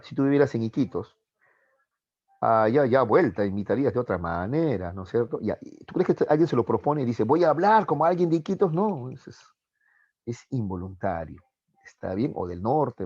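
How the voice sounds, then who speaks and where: A man's voice: mid-range voice, vocal fry, darkish tone, breathy edge, no echo, highs cut off. A male teacher giving an online class lecture, often stopping to check that his students follow. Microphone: video call.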